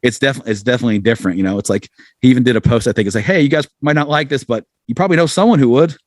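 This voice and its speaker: The clip features a middle-aged American band frontman being interviewed as a guest musician, chatting loosely and rambling with self-deprecating humor. He talks rapid-fire in a mid-range voice, and the dry recording has clean studio sound.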